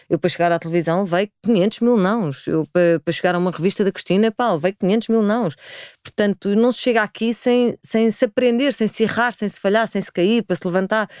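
A woman in her forties from Portugal with a European Portuguese accent, talking as a podcast guest in a lively, expressive way. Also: medium pitch, clean tone, dry recording, studio quality. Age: 40s. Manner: expressive, animated storytelling with frequent laughs. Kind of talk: casual chat.

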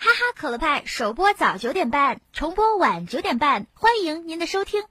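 High-voiced teasing woman radio host. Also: big pitch swings, moderate pace, bright, forceful tone, no room sound, studio quality. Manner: teasing, mock-indignant comic delivery. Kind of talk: comic radio banter.

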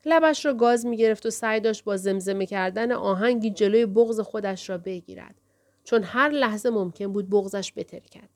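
A woman narrating a novel in first person with a measured, steady storytelling manner. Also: medium pitch, no room sound. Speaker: audiobook narrator. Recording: dry, close studio recording.

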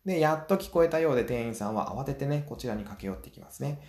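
Guy hosting a solo talk show, chatty, talks fast and acts out little scenes, lots of filler sounds. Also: mid-range voice, lively intonation, darkish tone, reverberant. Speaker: podcast host.

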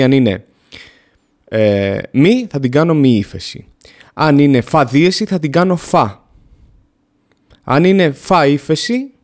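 A man's voice: fairly high pitch, a little mellow. A man teaching music theory in a casual podcast lesson, explaining in a plain, down-to-earth way and counting off notes and steps.

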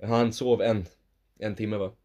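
A man's voice: lowish voice, fairly even intonation, mellow. A young man co-hosting a casual podcast chat, playful and teasing, often restarting his sentences. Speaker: podcast co-host.

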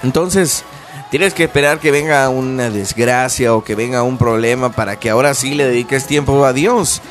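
Radio preacher exhorting listeners. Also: male voice, medium pitch, moderate pace, soft background music. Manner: earnest, exhorting, direct address to listeners. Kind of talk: radio sermon.

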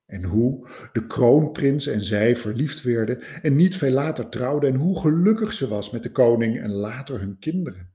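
Lively expressive male storyteller. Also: mid-range voice, normal speed, few pauses. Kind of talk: storybook narration.

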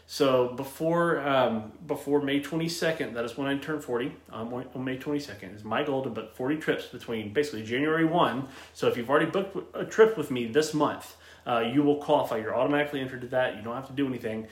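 A man's voice: mid-range voice, quick pace, reverberant. A man in his late thirties, a travel agent hosting a casual solo show, chatty and upbeat with many fillers and restarts. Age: 30s. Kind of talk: casual solo livestream talk.

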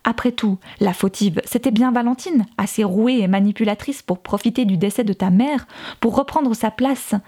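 A woman's voice: on the high side, moderate pace, dark tone, natural voice. Woman reading as an exasperated accusing young woman. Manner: cutting, accusing rhetorical questions. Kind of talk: audiobook character reading.

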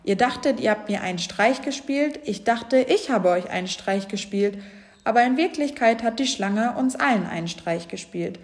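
A woman's voice: a little high, expressive, moderate pace. A woman voicing a cheerful, playful male elephant while reading a children's storybook. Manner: cheerful, mischievous.

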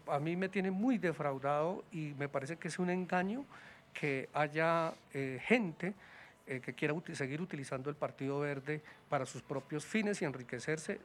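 A man talks politics in a casual, critical way, stumbling over restarts and fillers. His voice sits a little high for a man. A faint hiss of noise runs underneath. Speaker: political guest.

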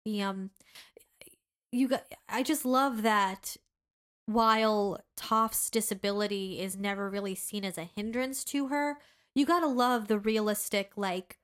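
A woman's voice: medium pitch, measured pace, clear, resonant tone. Gushing young woman podcast co-host. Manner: gushing, excitable, acts out characters' lines. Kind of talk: casual chat.

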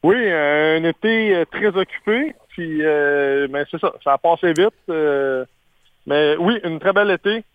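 A man with a Québécois accent, a baseball analyst guest talking casually, halting with many fillers and restarts, heard over the phone. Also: on the high side, smooth. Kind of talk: casual phone-in radio chat. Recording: tinny phone line.

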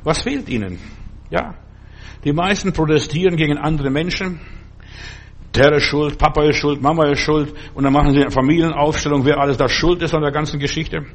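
A man's voice: a little high, fairly quick. A middle-aged man preaching a sermon, earnest and full of rhetorical questions.

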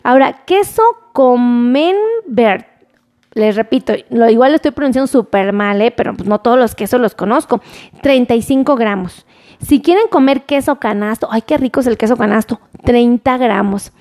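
A woman's voice: fairly high pitch, lively intonation, moderate pace, a little mellow. A woman hosts a live stream, reading out food portions, greeting viewers by name and urging them to share. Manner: reads portions off a list, greets commenters, urges sharing. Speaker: nutrition livestream host.

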